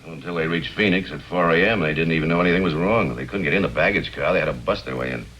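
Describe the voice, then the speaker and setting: An actor playing a brisk insurance company chief in a 1950s film, businesslike and urgent. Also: male voice, sits low, fairly bright tone, husky, exaggerated voice, poor audio.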